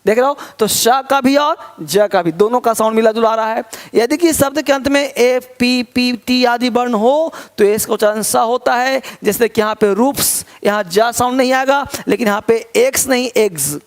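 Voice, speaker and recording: A man's voice: very high-pitched, moderate pace, hardly any pauses. A man teaching English pronunciation as a lesson, repeating words and contrasting right and wrong sounds while checking his students follow. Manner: addresses students directly and checks they follow. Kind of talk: spoken classroom lesson.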